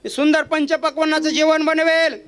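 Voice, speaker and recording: A man's voice: very high voice, little pitch movement, moderate pace, fairly bright tone. A man preaching a kirtan sermon, telling a comic household story in a playful, jokey way. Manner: playful, jokey, acts out voices.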